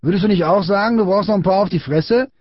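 A man voicing a big bullying schoolboy who shouts and taunts aggressively, in an audiobook reading. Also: high voice, fast, no echo, dull audio, pitched above the performer's own voice, close to an everyday voice. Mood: taunting.

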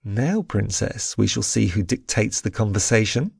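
A man voicing a stern young warrior in an audiobook, firm, measured and authoritative. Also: on the low side, animated, creaky, breathy edge, dry recording, clean studio sound, heavily acted. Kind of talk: audiobook character voice.

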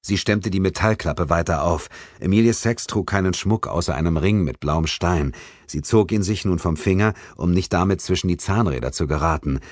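A man narrating a thriller audiobook in a measured, tense way. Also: low-pitched, no room sound, clean studio sound. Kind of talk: scripted narration.

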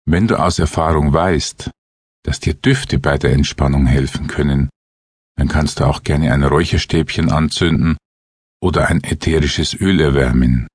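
A man guiding a relaxation meditation in a soft, hushed, husky voice, with gentle unhurried instructions and long pauses. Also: very deep voice, no room sound, clean studio sound. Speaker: guided meditation narrator. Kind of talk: guided relaxation meditation, slow and soothing.

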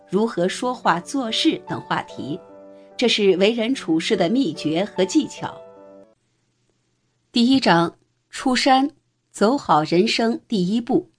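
Woman, audiobook narrator, history nonfiction, middling pitch, steady even reading.

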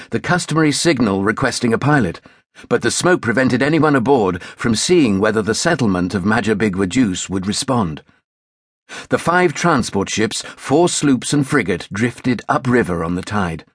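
Male audiobook narrator, lowish husky voice, dry close recording. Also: dry recording. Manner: steady, measured storytelling. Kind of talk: scripted narration of a historical novel.

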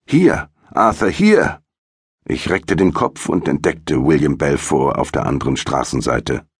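Very deep, husky male audiobook narrator. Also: normal speed, dry recording, studio quality. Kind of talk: scripted first-person narration.

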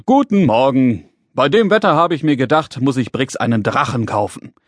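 A kind, patient father from a children's storybook, speaking in a calm and gentle way, as a male reader plays him. His voice is slightly husky and lively. It stays warm and unhurried. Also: mid-range voice, dry recording, clean studio sound, natural voice. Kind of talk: children's audiobook character voice.

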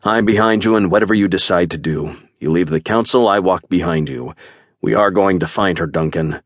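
A man's voice: deep voice, a little fast, no room sound, clean studio sound. A man voicing a brash, foul-mouthed male warrior who talks bluntly and cracks wise. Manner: wisecracking, blunt.

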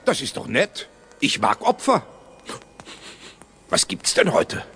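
A man's voice: wildly swooping pitch, slow pace, fairly bright tone, exaggerated voice. An actor voicing Zeus, a grumpy blustering king of the gods, in a radio play. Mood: grumbling, gleeful. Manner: gruff, grumbling, theatrical swoops in pitch.

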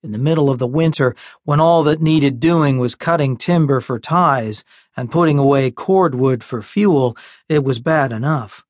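A man narrating an audiobook in a measured, unhurried storytelling manner, recorded close on a studio mic. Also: mid-range voice, no echo. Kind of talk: scripted narration.

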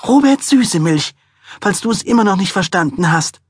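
Brief: high, shrill, bossy pregnant woman with cravings, read by a husky-voiced man, storybook. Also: lively intonation, moderate pace, no room sound, studio quality. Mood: scolding. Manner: shrill, demanding, bratty.

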